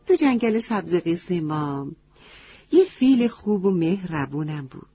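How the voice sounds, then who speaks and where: A woman telling a children's story in a mellow, breathy voice. She talks gently and often turns to ask her young listeners questions. The recording is dull and lo-fi. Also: on the low side, sing-song, soft background music.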